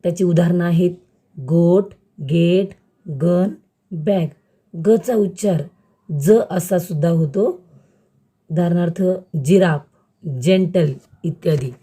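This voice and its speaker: A woman teacher giving a school lesson on letter sounds, slow, careful and word by word. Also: lowish voice, warm tone, breathy edge.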